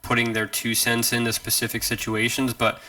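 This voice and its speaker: A man co-hosting a casual podcast, telling a rambling story full of animated quoted voices. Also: medium pitch, moderate pace, no echo. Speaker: podcast co-host. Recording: distant from the mic, dry sound.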